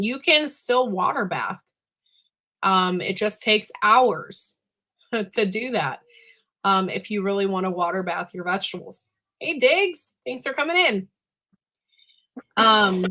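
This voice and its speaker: A woman with a hoarse, smoker-like rasp and a voice that is giving out, chatting casually as host of a livestream and often clearing her throat. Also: medium pitch, sharp tone. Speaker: host of a live canning chat.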